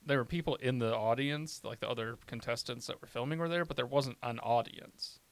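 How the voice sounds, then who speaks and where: A man's voice: mid-range voice, fairly quick, no echo. A man, a stand-up comedian, chatting casually on a podcast, telling rambling stories and swearing often. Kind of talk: casual chat.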